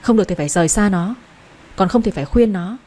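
A woman's voice: medium pitch, lively intonation, fast talker, mellow, lightly acted. A woman voicing a stern, domineering older mother who talks curtly and gives orders. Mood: angry. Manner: curt, commanding, impatient.

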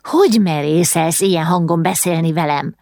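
A woman's voice: deep voice, lively intonation, no room sound, clean studio sound. Woman playing a haughty proud young boy. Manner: haughty, indignant.

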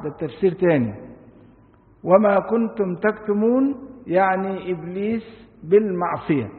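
A man with an Egyptian accent teaching Quran commentary, reading classical passages and explaining them in colloquial speech with rhetorical questions. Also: sits high. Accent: Egyptian Arabic. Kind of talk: religious lesson, reading a text and explaining it. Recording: tinny phone-like sound in a reverberant hall.

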